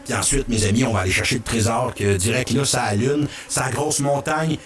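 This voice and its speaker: A man's voice: medium pitch, fairly quick, distant mic, close to an everyday voice. A man with a Québécois accent voicing a giant golden dragon who protects his bees and talks grandly to them. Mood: protective. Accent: Québécois French.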